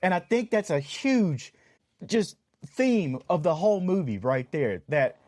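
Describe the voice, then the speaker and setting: A man's voice: sits high, very animated, a little slow, darkish tone, dry recording, studio quality. A man co-hosting a podcast in casual chat, earnest and prone to repeating words as he builds a point. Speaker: podcast co-host.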